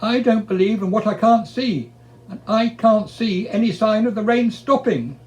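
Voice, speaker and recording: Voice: mid-range voice, normal speed, pitched above the performer's own voice, lightly acted, poor audio. A performer voicing a cynical, sneering, argumentative monkey in a storybook reading, sex of the figure male. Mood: grumbling, defiant. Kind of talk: storybook character voice.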